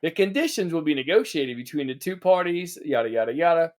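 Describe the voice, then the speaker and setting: A man's voice: on the high side, expressive, fairly quick. A man co-hosting a casual satirical news podcast, sarcastic and laughing often. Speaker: podcast co-host.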